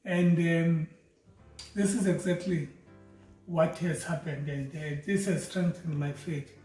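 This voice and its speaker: Middle-aged South African man, high, earnest and measured, personal introduction, roomy off-mic sound. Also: fairly even intonation, darkish tone. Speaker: doctor and theology student. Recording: roomy, mic at a distance, faint music.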